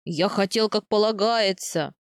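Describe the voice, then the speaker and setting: A woman voicing a big, bearlike man who answers gruffly and defends himself indignantly. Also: mid-range voice, lively intonation, normal speed, no room sound, studio quality, lightly acted.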